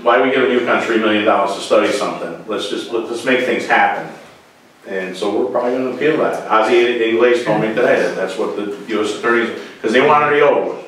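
This is a meeting discussion where a first selectman at the table talks fast and bluntly about town business, voicing strong opinions in long runs. His fairly low voice is a bit bright. A faraway camera records him in a very echoey room, with slight background noise.

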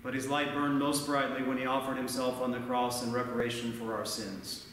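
A man in his thirties, a priest giving a measured, earnest sermon at a lectern, recorded from far off in a large church. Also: mid-range voice, level tone, fairly bright tone, very echoey, big-room sound, a little hiss or hum. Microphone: far camera, no mic seen.

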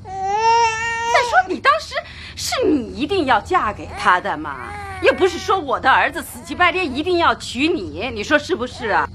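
A scolding middle-aged mother-in-law, very high and wildly swinging voice, loud noise behind. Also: big pitch swings, moderate pace. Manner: scolding, exasperated. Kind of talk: TV drama acting.

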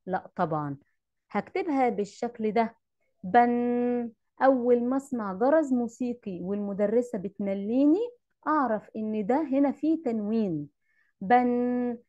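Over a computer microphone in an online class, a woman who teaches Arabic speaks with an Egyptian accent in a slightly high, darkish voice, and the sound is dull. Patient, she goes over rules repeatedly and tests her students with questions.

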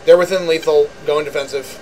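Terse man leading a flight, higher voice. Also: steady tone, a little fast, darkish tone, faint music behind, poor audio. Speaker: flight leader in multiplayer flight sim. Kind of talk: tactical gameplay voice chat. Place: online voice chat over a flight simulator.

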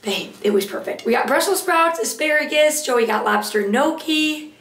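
A bubbly woman, chatting straight into her phone camera for a casual vlog. Her voice sits high, and the echoey room sound rings around her words. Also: lively intonation, moderate pace, a bit bright. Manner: bubbly, chatty, full of "like" and "you guys". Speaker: vlogger.

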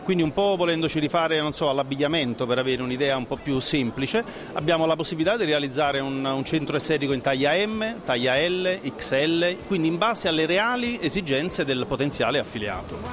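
At an indoor trade fair stand with background music, a middle-aged franchise consultant is interviewed and explains a business into a handheld mic. His voice is on the high side and animated, and he talks a little fast.

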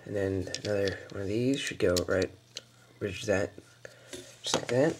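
Some background noise accompanies a deep-voiced man making a toy building tutorial at an indoor table. His step-by-step instructions are casual and relaxed, but halting, with many fillers and mild mutters.

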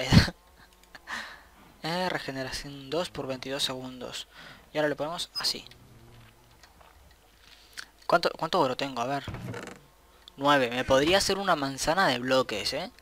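A man giving casual, excitable let's-play commentary, thinking aloud as he plays. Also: fairly high pitch, a little hiss or hum. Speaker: gameplay commentator.

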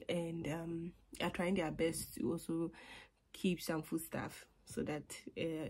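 Speaking casually to a phone camera on a table in her small bedroom, a young Ghanaian woman vlogs in a low, creaky, husky voice with a darkish tone. She's chatty, laughs between points and sometimes sinks to a whisper.

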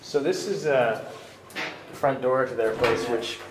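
A man's voice: medium pitch, unhurried, echoey room. A man with a nasal voice giving a joking, casual walking tour of a stairwell and street, filmed on a handheld camera. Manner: joking, teasing commentary while walking. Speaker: vlogger touring a friend's home. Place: apartment stairwell then city street. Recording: loud street and ambient noise.

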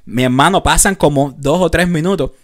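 A young man from Cuba with a Havana accent, telling lively anecdotes on a casual podcast with lots of street slang. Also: a little high, brisk. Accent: Cuban, Havana. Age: young adult. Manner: animated anecdotes with frequent laughter and street slang. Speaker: podcast co-host. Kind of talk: casual chat, storytelling.

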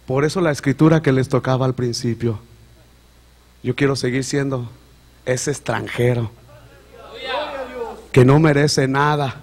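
A man giving an emotional church testimony in a sanctuary. His fervent delivery swings from hushed tones to shouting, and he keeps calling out to the congregation as brothers. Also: mid-range voice, steady tone, a little slow, long pauses.

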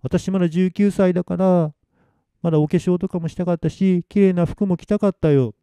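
A man's voice: sits high, normal speed, dark tone, clean tone, no room sound, pitched above the performer's own voice, close to an everyday voice. A man voicing the ghost of a nineteen-year-old girl, with a sweet, slightly nasal, clingy and pleading voice.

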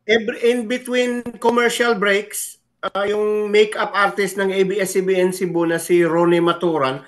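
A man's voice: sits high, flat delivery, moderate pace. A man co-hosting a casual sports talk show, easygoing, switching often into English.

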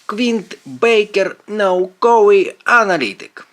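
A man's voice: high voice, animated, slow, a bit bright, voice pushed up, full character voice. A man voicing a brainy, precise teenage boy with a fussy, lecturing manner in an audiobook. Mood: wry. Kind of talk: audiobook character voice.

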